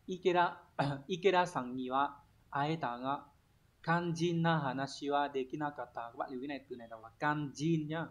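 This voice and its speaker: A man teaching an online Japanese vocabulary lesson. He reads example sentences aloud, explains each word, and keeps asking his students quick check questions. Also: fairly high pitch. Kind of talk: online exam walkthrough lesson.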